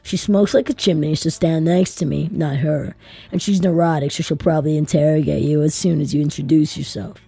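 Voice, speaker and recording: A brash young male author narrating his own anxious night in an audiobook, as a woman reader puts him on. His voice is very husky and breathy, with a gravelly fry under wry, profane asides. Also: sits low, steady tone, a little fast, dark tone, dry recording, exaggerated voice. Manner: wry, profane inner monologue.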